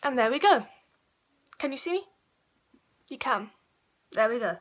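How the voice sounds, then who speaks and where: A woman's voice: high voice, animated, a little slow. A woman chatting her way through a makeup tutorial, rambling and correcting herself as she goes. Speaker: beauty vlogger.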